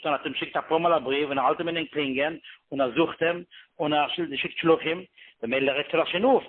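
Male religious teacher, storytelling sermon, somewhat husky voice, lively pitch jumps for quotes, tinny phone-line recording. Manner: animated retelling, often jumping up in pitch for quoted voices; quick run-on phrasing with many Hebrew religious terms. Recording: tinny phone-line or radio-band sound.

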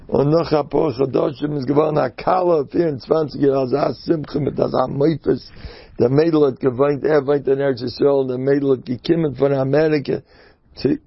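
Male religious teacher, raspy-edged voice, preaches in halting anecdotes, muffled lo-fi recording. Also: medium pitch, no room sound. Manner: halting, stop-and-start delivery. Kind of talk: sermon told through anecdotes. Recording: dull lo-fi recording.

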